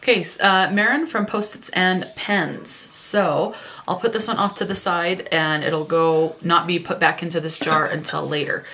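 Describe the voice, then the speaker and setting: A woman's voice: fairly low pitch, fairly even intonation, normal speed, sharp tone. Chatty woman reading book blurbs. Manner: chatty, reads book blurbs aloud, stumbles and self-corrects. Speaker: book vlogger. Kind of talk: casual book vlog with read-aloud synopses.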